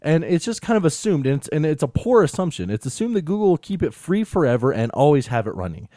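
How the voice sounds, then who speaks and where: An American man with a relaxed, mellow voice co-hosts a casual tech podcast. He talks in an earnest, rambling way, dotted with "you know". The sound is dry, with no room around the voice. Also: fairly high pitch, quick pace, dry recording. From United States. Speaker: podcast co-host.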